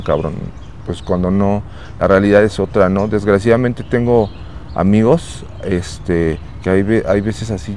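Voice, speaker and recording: A low-pitched man with a Mexican accent recounts his work as an extra in a loose, animated way, acting out each exchange and peppering it with slang. Faint outdoor ambience sits quietly behind his voice. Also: a little hiss or hum. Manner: animated, acts out dialogue, slangy. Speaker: interviewee, background actor. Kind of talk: casual storytelling.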